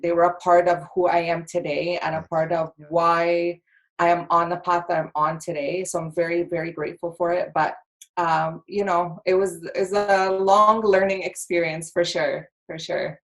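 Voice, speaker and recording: A woman's voice: fairly low pitch, fairly even intonation, normal speed. Bubbly Egyptian-born woman guest. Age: 30s. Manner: bubbly, laughs easily, many fillers. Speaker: podcast guest. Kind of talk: casual interview talk.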